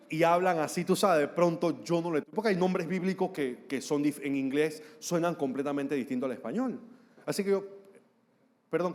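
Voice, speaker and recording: Pastor preaching in an echoing hall. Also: male voice, a little high, darkish tone. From Panama. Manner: storytelling with humor and acted-out dialogue. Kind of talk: sermon. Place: large church hall. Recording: long hall reverb.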